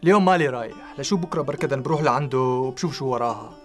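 An actor playing a poor, gullible bachelor worker who talks politely and evasively, with a Damascene Arabic accent. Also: male voice, mid-range voice, close to an everyday voice. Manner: polite, evasive, quick to believe. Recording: TV drama audio with music behind.

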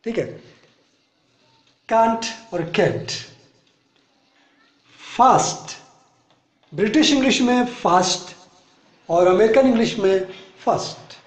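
A man teaches an English lesson in an echoey classroom, and his voice sits high. He explains the words one at a time and says each one again, slowly. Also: expressive.

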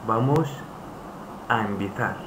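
Slow man teaching. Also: on the low side, animated. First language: Arabic. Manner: slow, halting, repeats phrases. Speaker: Arabic teacher. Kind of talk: screen-recorded language lesson. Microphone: voice-over on screen recording. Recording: echoey room, faint hiss.

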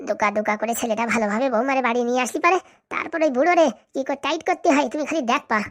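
A woman voicing a bossy, sharp-tongued cartoon wife who scolds and insults her husband. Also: high-pitched, lively intonation, very fast. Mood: scolding. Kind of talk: comic cartoon dubbing.

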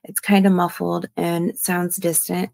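A woman's voice: lowish voice, flat delivery, unhurried, gravelly, a little mellow, dry recording. A woman commenting on a true crime case, reading out a call and hedging her views with "in my opinion.". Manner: hedging, often adds "in my opinion".

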